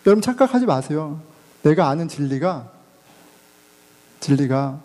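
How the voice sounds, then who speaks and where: A man in his thirties, both a father and a pastor, preaches a sermon in a slightly high, warm voice. His style is conversational, and he asks the congregation questions as he goes.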